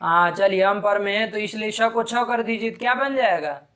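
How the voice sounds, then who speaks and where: High-voiced scolding Sanskrit grammar teacher. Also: male voice, fairly bright tone. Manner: brisk, scolding, quizzes students. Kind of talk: live class lesson.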